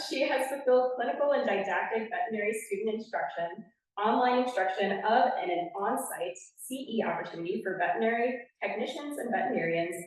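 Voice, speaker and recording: A woman with a Wisconsin accent presenting at an award ceremony, reading out each winner's biography with brief asides. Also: on the high side. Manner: announcing, reading scripted bios with brief asides. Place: large conference hall. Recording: echoey hall from far off.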